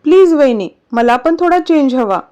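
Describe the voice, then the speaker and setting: A woman's voice: high-pitched, expressive, normal speed, dark tone, voice pushed up. Woman reading a playful young man. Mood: pleading. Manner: pleading, coaxing.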